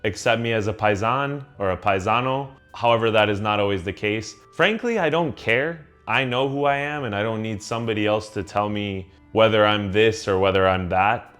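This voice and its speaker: A young adult man from the United States, a vlogger, gives a reflective personal monologue in a slightly low, steady voice at a moderate pace. He is earnest and conversational, with frequent ums and false starts. Soft music plays faintly underneath.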